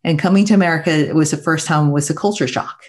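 A woman's voice: low-pitched, fast talker. Guest: middle-aged Taiwan-born woman, earnest and reflective, video-call earbud sound. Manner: earnest, reflective, with soft laughs. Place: home room with bookshelves, indoors. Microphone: wired earbuds headset on video call.

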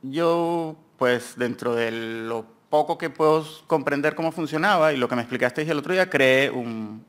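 A man's voice: mid-range voice, moderate pace, hardly any pauses, a bit bright, clear, resonant tone. A man with a Peninsular Spanish accent giving an academic conference talk in a university seminar room, rambling informally and correcting himself as he goes. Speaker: conference speaker presenting research.

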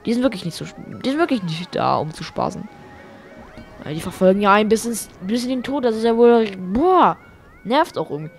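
A woman with a fairly high pitch hosts a let's play, giving brisk, excitable, chatty gameplay commentary. She swears, drops English exclamations and her voice gets strained, with faint game music in the background.

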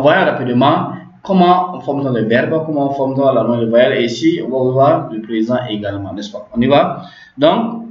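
A man teaching a language lesson who explains step by step, repeats each example and often checks in with "ok?". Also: medium pitch. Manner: repetitive, checks in with "ok?" and "n'est-ce pas?". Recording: roomy, dull lo-fi sound.

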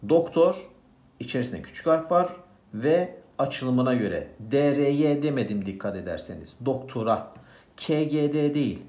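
A man's voice: fairly high pitch, darkish tone, roomy sound. A man teaching a grammar lesson, asking questions and answering them himself.

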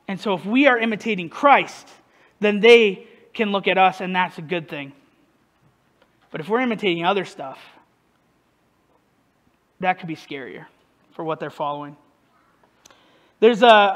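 Male pastor with a high, light voice; casual, self-deprecating sermon delivery. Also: normal speed, long pauses, fairly bright tone. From northern United States. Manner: conversational, self-deprecating, asks the congregation questions.

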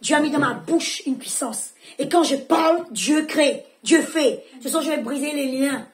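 A woman pastor preaches with fervour at a church service. Her voice sits high, and she hammers her points home by repeating short phrases. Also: moderate pace, background noise. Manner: emphatic, repeats phrases for effect. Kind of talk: fervent sermon.

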